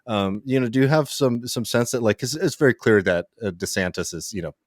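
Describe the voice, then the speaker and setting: A man's voice: mid-range voice, brisk, dry recording, clean studio sound. A man co-hosting a political podcast in casual chat, rambling with many fillers. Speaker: podcast co-host.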